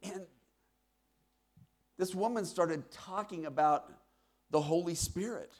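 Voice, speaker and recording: A man's voice: high voice, takes it slowly. A man preaching, telling a personal story and acting out the lines of others. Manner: storytelling, acts out his wife's lines. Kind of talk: sermon testimony.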